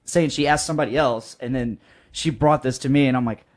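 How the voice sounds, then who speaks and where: A man in his twenties co-hosts a podcast, chatting casually and telling stories in a joking, profane way. His voice is medium-pitched and he talks fairly quickly.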